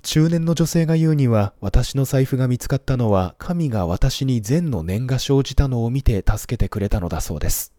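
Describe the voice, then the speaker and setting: Man, calm storyteller, warm mellow tone, dry close sound. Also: medium pitch, fairly quick, hardly any pauses, no room sound. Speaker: narrator. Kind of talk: scripted first-person narration.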